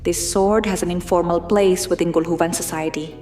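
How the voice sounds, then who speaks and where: A woman in a lower register gives a scripted, documentary-style reading of fantasy lore, her delivery measured, formal, steady, and mellow. The room sounds spacious, with faint music underneath.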